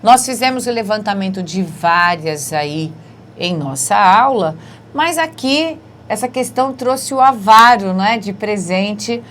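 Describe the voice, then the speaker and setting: A woman's voice: mid-range voice, animated, unhurried, a bit bright, slight background noise. A woman teaching a Portuguese grammar lesson for exam prep, explaining step by step in a Brazilian accent and checking in with her listeners. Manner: explains step by step, tags questions with né and certo.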